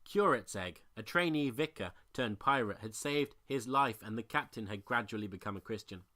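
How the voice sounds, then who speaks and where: A narrator reading a comic children's storybook aloud with lively, acted-out narration. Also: mid-range voice, moderate pace.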